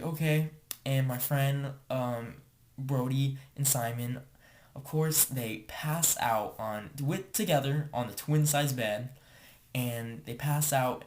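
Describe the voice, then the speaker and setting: A man's voice: medium pitch, a little mellow. A young man casually telling a story to the camera, rambling and filling his talk with "like.". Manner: rambling, filler-heavy with constant "like".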